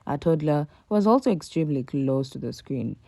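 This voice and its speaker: A woman's voice: low-pitched, expressive, normal speed, creaky, warm tone, no room sound. A woman reading a scripted commentary voice-over, emphatic and full of rhetorical questions. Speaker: commentary narrator.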